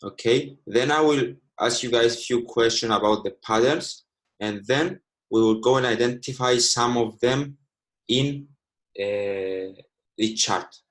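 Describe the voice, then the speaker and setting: A Greek-speaking trading educator from Cyprus, a man in his twenties, teaches live online over a video call. His medium-pitched voice moves at a measured pace in slightly broken English, filled with frequent "okay"s, and the recording is rough.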